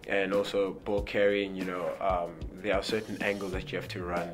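Seated against a press backdrop, a young South African rugby player with a very deep voice talks at an ordinary pace. His interview answer is easygoing and meandering, full of repeated words and "you know." Clear music sits under his voice from start to finish.

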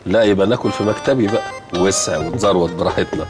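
An actor with an Egyptian accent playing a jovial, genial company owner and uncle in a TV comedy. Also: male voice, low voice, fast, close to an everyday voice. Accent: Egyptian Arabic. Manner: jovial, bantering. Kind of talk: TV comedy acting. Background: music.

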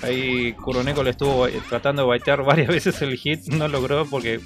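A man's voice: mid-range voice, fairly even intonation, brisk. Chatty Argentine man, casual fighting game co-commentator. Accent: Argentine Spanish. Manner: chatty, chuckling, colloquial. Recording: game music behind the voice. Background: fighting game music.

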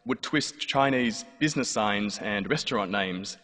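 Speaking a little slowly in a slightly bright voice on the low side, a thirty-something Australian man tells a comic personal tale with a dry edge. He's on stage in a large hall in front of a live audience, and the sound has long reverb with faint noise.

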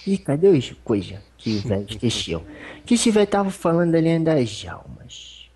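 A medium voicing an old male spirit elder with a Brazilian accent, speaking in a husky, folksy, rambling way during a religious consultation. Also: mid-range voice, sing-song, normal speed, dark tone. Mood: fatherly. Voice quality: husky, rambling, folksy speech with fond asides.

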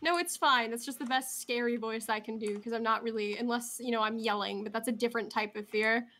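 Chatty high bright young woman gamer. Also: fairly even intonation, brisk, a little hiss or hum. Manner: chatty, rambling, self-deprecating. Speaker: streamer. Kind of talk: casual gaming chat.

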